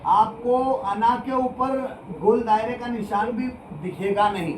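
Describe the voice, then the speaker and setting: A male religious teacher leading a call-and-response lesson, speaking slowly and repeating phrases for students to echo back. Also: extremely high pitch, slight background noise. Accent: Hindi-Urdu speaker from central India.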